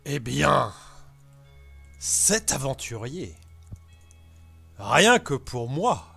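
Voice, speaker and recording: A man's voice: mid-range voice, sing-song, creaky, pushed and bright, husky, soft background music, full character voice. Man putting on a menacing, contemptuous ancient dragon voice. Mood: menacing, hungry. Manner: dragon voice, imperious and taunting, drawn-out.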